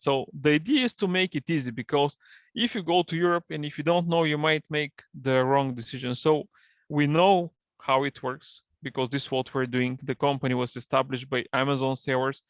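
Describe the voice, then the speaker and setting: A man's voice: mid-range voice, moderate pace, dry recording. Bulgarian guy on a video call, dry close sound, explains stuff in careful second-language english. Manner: fluent non-native English, explanatory. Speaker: guest, partnership manager. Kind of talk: online interview.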